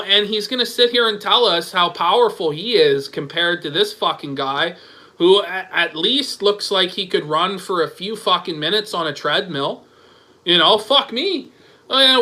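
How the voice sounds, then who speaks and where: A man's voice sits high and bright as he hosts a stream. He talks in casual, scornful rants and swears freely. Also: low-quality recording. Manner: profane, scornful. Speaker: stream host. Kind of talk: casual ranting commentary.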